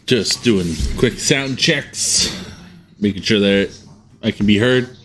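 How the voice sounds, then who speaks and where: Male streamer, lowish, slow and relaxed, casual chat over faint music. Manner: laid-back, chatty, greets viewers by name. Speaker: game streamer. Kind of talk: casual live-stream chat while gaming.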